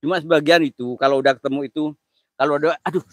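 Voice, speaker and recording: A man's voice: on the high side, fairly even intonation, racing, fairly bright tone, dry recording. A man hosting a live stream, joking around, laughing often and thanking viewers by name.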